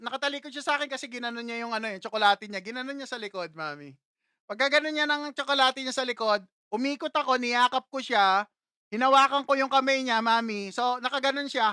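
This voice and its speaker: A man's voice: very high voice, bright, forceful tone, clear, resonant tone, dry recording, studio quality. A man hosting a casual livestream, telling a childhood story in a chatty way, laughing often and talking straight to his viewers. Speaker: livestream host.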